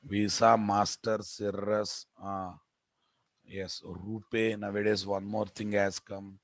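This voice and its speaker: A man's voice: fairly low pitch, little pitch movement, slow, no room sound. A man with a Telugu Indian accent teaching a live technical class as an instructor, repeating phrases and putting questions to his students. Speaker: programming instructor. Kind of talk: live technical lecture, explaining and dictating notes. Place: online class recording.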